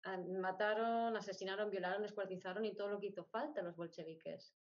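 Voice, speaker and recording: A middle-aged woman, born in Spain and raised moving between countries, tells personal stories as an interview guest. Her medium-pitched voice is brisk with fairly even intonation, and she speaks in short phrases she often repeats for emphasis. The audio is dull and lo-fi.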